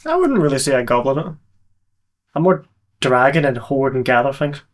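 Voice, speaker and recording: A man's voice: medium pitch, very animated, moderate pace. A man who plays on a live tabletop show, making dry, playful jokes in casual chat. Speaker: player on a live game show.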